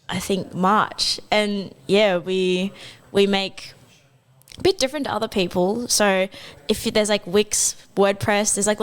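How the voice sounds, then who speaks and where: A woman's voice: medium pitch, smooth. A young woman from Sydney, a web developer chatting as a guest on a radio show in an upbeat, chatty way. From Sydney, Australia. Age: young adult. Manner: chatty, upbeat, quick to laugh. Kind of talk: casual radio chat. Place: radio studio.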